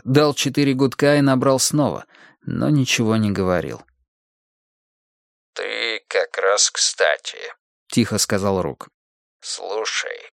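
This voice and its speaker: A man's voice: medium pitch, a little mellow, no echo. Man narrating an audiobook, dry studio. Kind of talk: scripted narration.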